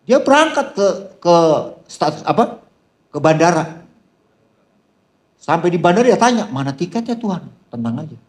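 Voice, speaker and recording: A man's voice: high-pitched, normal speed, long pauses. A male pastor preaching, telling stories with humor, often laughing and calling out to the congregation, with a flavor. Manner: storytelling with humor, laughing, addressing "saudara"; animated, voice rising when excited. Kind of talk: sermon.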